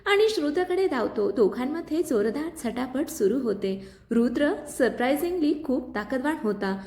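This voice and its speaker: A woman telling a dramatic story with expressive narration. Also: high-pitched, normal speed, echoey room.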